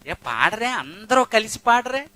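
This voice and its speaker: A man preaches in a church, his voice pitched high and cutting hard. He keeps throwing rhetorical questions at the congregation, one moment urging them on loudly, the next dropping to a quiet aside into his microphone. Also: sing-song, unhurried, rough recording. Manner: swings between loud exhortation and quiet asides. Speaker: pastor. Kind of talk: sermon. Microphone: handheld microphone.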